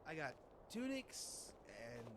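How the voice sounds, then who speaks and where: A man's voice: sits high, big pitch swings, slow, a crowd in the background, exaggerated voice. A man playing an amiable clothing seller in a fantasy game market. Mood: selling. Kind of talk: fantasy game vendor dialogue.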